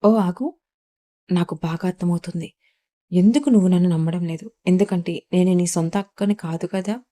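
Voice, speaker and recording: A woman's voice: lowish voice, moderate pace, warm tone, natural voice. A woman reading the part of a loyal young village wife who speaks earnestly in her husband's defence.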